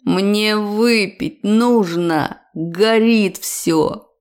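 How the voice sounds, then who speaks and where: A woman voicing a hungover middle-aged father who pleads slowly in a wheezing voice for a drink. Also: mid-range voice, darkish tone. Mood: begging.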